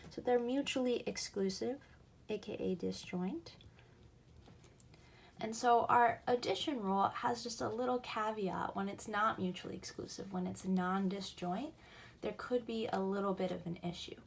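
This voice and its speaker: A woman's voice: mid-range voice, moderate pace, vocal fry, breathy edge. A woman teaching a recorded math lesson, explaining patiently and going back over each key point.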